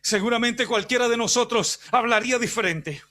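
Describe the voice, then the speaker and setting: A middle-aged man preaching a sermon as pastor, fervent, swinging between shouting and hushed storytelling. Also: very high-pitched, normal speed.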